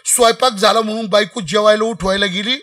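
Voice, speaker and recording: A man preaching a humorous devotional sermon, telling a story in a lively, playful way and teasing the audience. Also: sits high, fast. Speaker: kirtan preacher.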